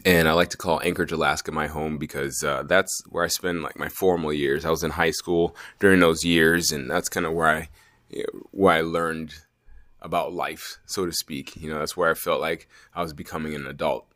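Guy putting on a british accent to interview himself, deep voice, goofy and loose. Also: level tone, moderate pace, fairly bright tone, dry recording, clean studio sound. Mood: playful. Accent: put-on British. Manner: playful, with self-conscious laughs and filler words. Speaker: podcast host. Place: fitness company studio.

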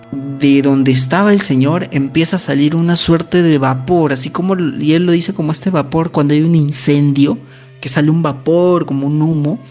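Storyteller, mid-pitched, chatty ghost-story retelling, faint music bed. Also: darkish tone. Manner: conversational, frequent tag questions and fillers.

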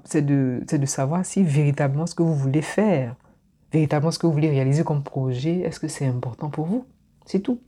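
A personal development speaker from Ivory Coast gives a reflective motivational talk directly to the viewer. Her voice sits low, mellow and slightly rough, and she often repeats words while searching for the next one.

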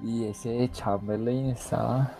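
A man in casual podcast banter, animated and laughing between answers. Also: mid-range voice, unhurried, creaky, soft background music, rough recording. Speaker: podcast co-host playing the game.

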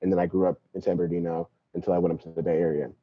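On dull lo-fi podcast audio, a young activist from Nigeria reflects on his life in a relaxed interview, sprinkling in "you know" and "right?" a lot. He speaks in a low, level voice with a breathy edge, racing along.

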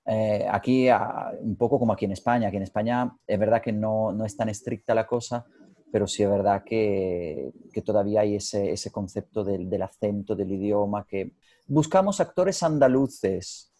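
A man's voice: lowish voice, normal speed, dark tone, dry recording, studio quality. A man from Spain, an actor, interviewing a fellow actress in an earnest, reflective way and asking long questions. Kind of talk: casual interview conversation.

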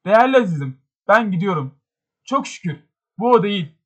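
Bir adamın canlandırdığı aceleci genç delikanlı. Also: male voice, high-pitched, expressive, fairly quick, pitched above the performer's own voice. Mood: urgent. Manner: urgent, accusing. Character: impetuous young man in frock coat.

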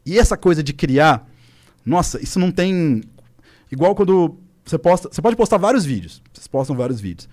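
Slightly high and fairly quick, this voice belongs to a Brazilian man in his thirties from Minas Gerais who coaches esports. He's a podcast guest in the studio, spinning animated stories full of fillers in a casual conversation.

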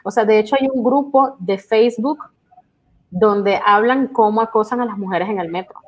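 A young Venezuelan woman co-hosts a relaxed podcast, telling her stories with animation. She acts out what people said to her, with a middle-pitched voice. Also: moderate pace, poor audio. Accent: Venezuelan Spanish. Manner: animated storytelling, acts out quoted lines. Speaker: podcast co-host. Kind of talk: casual chat.

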